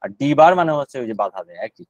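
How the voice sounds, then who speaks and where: A man's voice: medium pitch, lively intonation, very fast, darkish tone, no room sound, rough recording. A man teaching GRE vocabulary in a live online class, explaining each word in Bengali with English terms mixed in and repeating the words as he goes.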